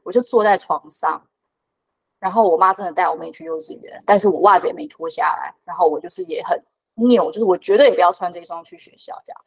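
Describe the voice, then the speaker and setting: Speaking in a lowish voice over poor audio, a woman of about thirty to forty-something appears as a podcast guest. She rushes through a personal anecdote with lots of energy, often using fillers and starting over.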